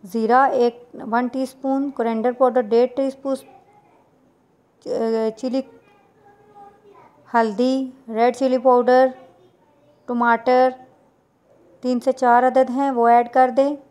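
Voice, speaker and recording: A woman, talking viewers through a recipe step by step in a plain, unhurried voice-over. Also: a little high, level tone, a little mellow. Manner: plain instructional, unhurried with small restarts. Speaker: cooking channel host.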